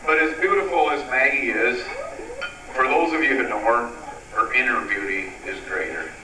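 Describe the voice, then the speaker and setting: A middle-aged man delivers a wedding toast as the proud father of the bride. His mid-range voice is deliberate and sentimental, with pauses between phrases. It echoes around the room, picked up from some distance away. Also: medium pitch.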